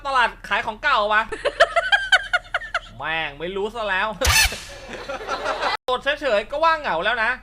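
A man hosting a comedic show where he reacts to social media captions, joking crudely, swearing and laughing often, with sudden shouted outbursts. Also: high-pitched, expressive, measured pace, pauses often, heavy background noise. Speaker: host.

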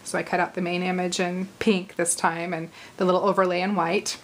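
A woman in her thirties hosting a casual crafting tutorial, chatty and a little hoarse, with apologetic asides while she works at arm's length from the camera. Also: lowish voice, little pitch movement, brisk, a little hiss or hum, low-quality recording. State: slightly hoarse, losing her voice. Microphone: camera at arm's length over the craft table.

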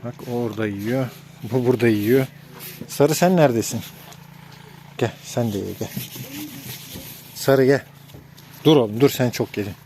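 A man's voice: mid-range voice, warm tone. A man vlogging while feeding dogs outdoors, giving firm commands to the dogs and casual asides to his viewers. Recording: noisy outdoor recording.

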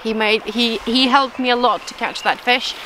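This woman has a voice on the high side and a moderate pace, with background noise present. Fly fishing by a river, she chats in a self-mocking way and gets excited on hooking fish. A camera mic, sometimes distant, picks her up over music.

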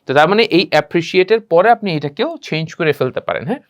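A man teaching a spoken English class, switching between Bengali and English and modeling phrases with expressive repetition. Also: on the high side, rapid-fire. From Bangladesh.

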